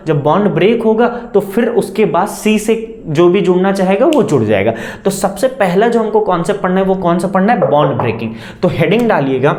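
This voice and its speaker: A man's voice: high-pitched, darkish tone. A man teaching chemistry, coaxing students he calls beta and answering his own questions. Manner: dictates definitions slowly, word by word. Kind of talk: classroom lecture. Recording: echoey room.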